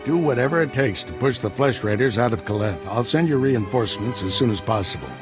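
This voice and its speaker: An actor playing a stern, commanding middle-aged Jedi master in a video game, speaking with measured authority. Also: male voice, mid-range voice, lively intonation, music in the background, natural voice. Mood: urgent, commanding. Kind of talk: video game cutscene acting.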